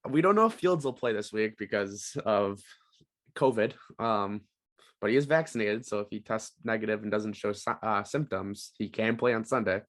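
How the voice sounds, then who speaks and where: A man's voice: lowish voice, moderate pace, fairly bright tone. A young man co-hosting a podcast, chatting casually about sports with frequent ums and easy laughs. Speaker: podcast co-host.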